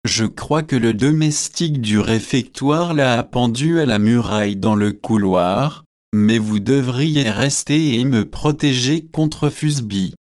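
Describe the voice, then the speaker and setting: A man reading aloud and voicing a warm, eager young male student who welcomes an old friend, in a slow, measured way. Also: mid-range voice, dry recording, clean studio sound, lightly acted. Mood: anxious.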